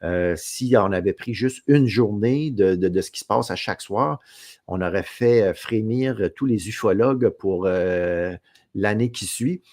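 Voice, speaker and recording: A man's voice: fairly low pitch, unhurried, a little mellow, no echo, clean studio sound. A man, a show host talking informally about his upcoming episode. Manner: plain-spoken, informal. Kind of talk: casual discussion.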